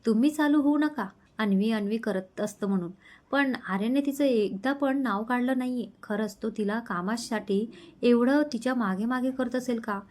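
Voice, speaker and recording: A jealous, frustrated young woman, as a woman storyteller reads her. She complains irritably, and her voice is a little high. It is a spoken storybook romance. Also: normal speed, a little mellow, natural voice. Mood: irritated.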